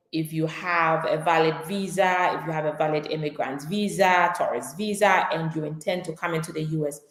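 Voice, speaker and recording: Woman attorney, lowish voice, live-stream explainer, fillers and restarts, roomy echo. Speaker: immigration attorney.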